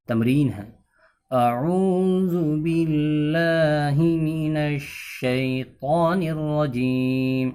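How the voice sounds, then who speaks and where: A man's voice: mid-range voice, darkish tone. A man from Bihar, India, teaching Quran reading, who patiently explains each rule step by step and has learners repeat after him. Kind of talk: teaching lesson.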